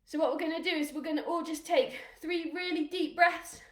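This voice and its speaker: A woman's voice: very high voice, steady tone, brisk, roomy sound. A woman from England coaching young children through a live online rugby skills session, upbeat and encouraging, counting down drills and sometimes out of breath. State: out of breath at times.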